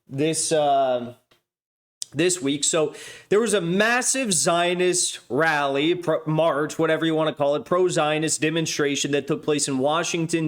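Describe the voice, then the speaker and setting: Male streamer-host, slightly high voice, loose sardonic monologue, mocking asides. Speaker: livestream news host. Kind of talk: casual off-the-cuff monologue.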